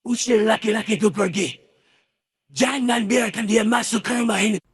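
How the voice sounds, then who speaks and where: A man's voice: sits high, fairly even intonation, moderate pace, breathy edge, dry recording, studio quality, pitched above the performer's own voice, exaggerated voice. A man putting on a defiant, mocking possessing jinn. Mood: commanding. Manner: taunting, defiant. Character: possessing jinn voiced through a young woman, arrogant, mocking.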